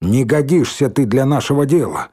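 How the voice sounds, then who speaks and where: A man's voice: mid-range voice, expressive, normal speed, warm tone, slightly rough. A man doing a stern commanding schoolgirl. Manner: commanding, scornful.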